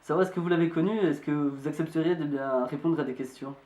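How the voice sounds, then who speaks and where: Lightly acting, a man voices an amateur investigator who presents a video through a hesitant phone inquiry. He sounds courteous yet insistent, pausing and faltering as he speaks in a voice that's a touch high and mellow. Echo from the room is clearly audible.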